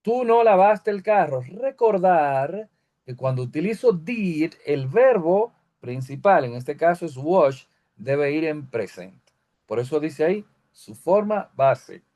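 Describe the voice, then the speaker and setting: A man explaining English grammar step by step, slowing down to read example sentences. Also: a little high, very animated, warm tone. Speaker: English teacher. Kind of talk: recorded grammar lesson.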